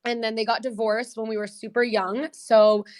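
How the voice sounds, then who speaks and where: Speaking at a moderate pace, this woman's voice is on the high side with little pitch movement. Joining a podcast remotely from Brazil, the US-born native Portuguese speaker tells her story casually in an interview, upbeat and chatty, with laughter between points.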